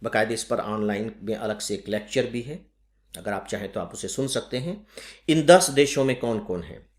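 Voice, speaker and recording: A man from India teaching a current-affairs class for exam students, explaining step by step and asking rhetorical questions. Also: on the low side. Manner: lively emphasis, slowing down on key terms. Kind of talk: exam-prep lecture.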